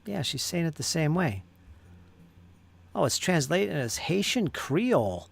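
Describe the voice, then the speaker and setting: Painting miniatures live, a male host keeps up a joking, chatty patter and wonders out loud how certain words should be said. He speaks a little slowly in a somewhat high, very animated voice that is creaky and husky.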